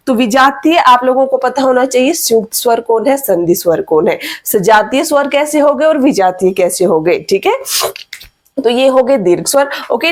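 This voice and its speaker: A woman teaching an online grammar lesson, slowly repeating definitions so students can write them down. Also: high-pitched. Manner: slow, repeats definitions for dictation.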